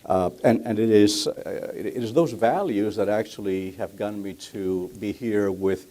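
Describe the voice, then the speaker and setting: A middle-aged or older man with a Cuban accent, answering interview questions before an audience in a halting way, repeating words as he goes. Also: fairly low pitch, warm tone. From Cuba. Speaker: business leader, guest speaker. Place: on stage at a luncheon event.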